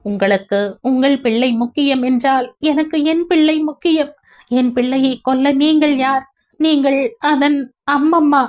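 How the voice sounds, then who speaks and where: A woman's voice: high-pitched, measured pace, voice pushed up. A woman voicing a young pregnant woman, grief-stricken and furious, speaking in a distraught, accusing way. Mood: anguished fury. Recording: dull lo-fi recording.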